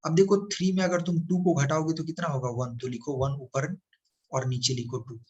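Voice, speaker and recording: A man teaching a maths lesson. He asks the students questions and answers them himself, calling them "beta". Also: sits high. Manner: calls the listener "beta", coaxing.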